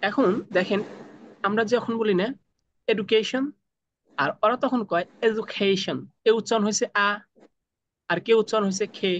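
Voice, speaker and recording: A Bangladeshi-accented man leads an online English lesson. He drills pronunciation slowly and spells out each sound one at a time. The video-call audio carries a faint hiss of background noise. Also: high voice, a bit bright, highs cut off. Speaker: English teacher. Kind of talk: online spoken English class.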